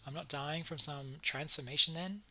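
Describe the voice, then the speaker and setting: Man playing a dazed, wounded man, bright-voiced. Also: a little high, steady tone, moderate pace. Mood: bewildered. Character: dazed, wounded young man turning vampire. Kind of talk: visual novel character voice.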